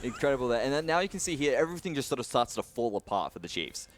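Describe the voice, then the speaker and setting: An esports analyst races through replays in a play-by-play breakdown, stuffing his talk with fillers. His mid-range voice is very animated, with slight background noise behind it.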